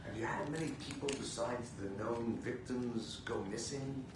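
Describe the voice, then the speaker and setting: A man's voice: mid-range voice, moderate pace, heavy background noise, close to an everyday voice. An actor playing a dry, seasoned male FBI agent in a video game. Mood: probing. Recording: distant, very echoey, loud music.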